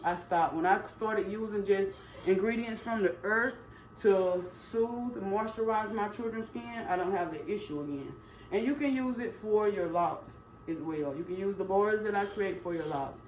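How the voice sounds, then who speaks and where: A woman's voice: medium pitch, darkish tone. A middle-aged woman gives casual, chatty advice as a hair stylist, emphatic and folksy, repeating points for stress. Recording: roomy echo, faint background noise.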